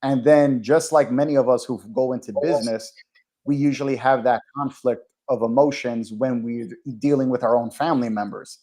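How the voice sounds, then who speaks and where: A man's voice: mid-range voice, steady tone, normal speed, mellow. Enthusiastic male podcast host. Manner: enthusiastic, encouraging. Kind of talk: casual conversation.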